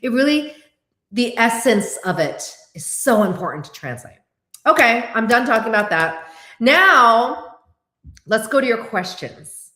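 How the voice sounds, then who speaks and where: A woman in her forties from the United States, whose first language is Korean, hosts a casual livestream chat and answers viewers animatedly. Her voice is a little high and a little slow, and the room echoes.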